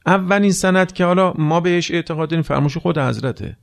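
A man with a gravelly, rough-edged voice delivers a sermon. He moves between telling a story and explaining it, and keeps asking his listeners rhetorical questions. At solemn moments he drops to a hushed, slow voice. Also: on the high side. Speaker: preacher. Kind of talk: religious sermon mixing story retelling and explanation.

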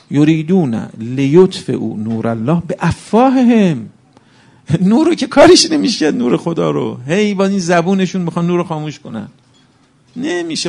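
A man's voice: on the high side, vocal fry. A man preaching a religious sermon, speaking with passion and firing off rhetorical questions to the congregation.

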